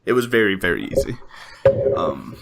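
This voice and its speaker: A man's voice: low voice, animated, normal speed, creaky, very noisy. A young man hosting a casual podcast chat, rambling with lots of "like" and "um". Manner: rambling, heavy use of "like" and "um". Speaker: podcast host.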